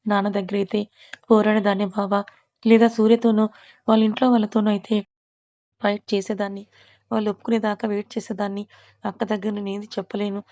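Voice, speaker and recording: A woman's voice: mid-range voice, level tone, fast talker, pauses often, mellow, dry recording, highs cut off, natural voice. Woman reading as a tearful young woman. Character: tearful young woman torn between sister and love.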